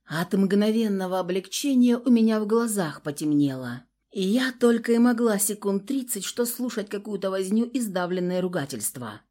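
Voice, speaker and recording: A woman narrating a first-person audiobook with a dramatic, expressive delivery. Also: mid-range voice, moderate pace, hardly any pauses.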